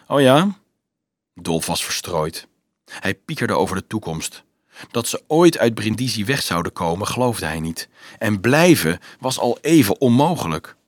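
A man narrating a novel as an audiobook, in an expressive, measured storytelling manner. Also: lowish voice, no room sound.

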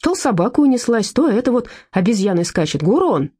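A nasty, taunting bully of a man, as a woman reader puts him on. He jeers, bellows and whines with a wide, lively pitch, in a mellow, slightly husky audiobook voice. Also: brisk, dry recording, clean studio sound. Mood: shouting. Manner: mocking, shouting, whiny when complaining. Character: spiteful jeering man, dog owner bully.

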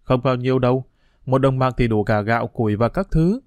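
Man voicing a calm sensible storybook boy, thrifty, reasoning, gently scolding, mid pitch, dry sound. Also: brisk, no echo, close to an everyday voice.

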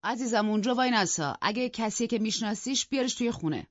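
Woman doing a sulky, aloof gentleman. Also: a little high, lively intonation, dry recording, pitched above the performer's own voice, close to an everyday voice. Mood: curt. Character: stiff, sulky gentleman husband, cold and aloof. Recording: dull, dry lo-fi studio audio.

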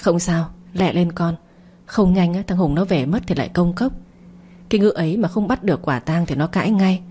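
A woman's voice: fairly low pitch, brisk, warm tone, husky. Woman voicing a fierce scolding older mother. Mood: bossy. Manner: harsh, scolding and bossy. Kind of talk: audio story reading.

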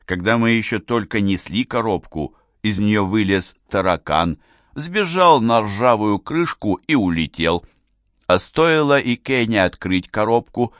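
A man reading a novel aloud in measured, even audiobook narration. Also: lowish voice, no echo, studio quality.

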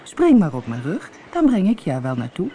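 A woman voicing a friendly male dolphin who speaks gently and reassuringly, in a storybook reading. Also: fairly low pitch, wildly swooping pitch, a little fast, slight background noise. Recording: storybook audio with background music.

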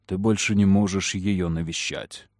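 A man playing a cold, manipulative noble father who speaks slowly and firmly. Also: sits low, fairly even intonation, darkish tone, no room sound, clean studio sound. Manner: slow, firm, measured. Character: cold powerful aristocratic father, calm and manipulative.

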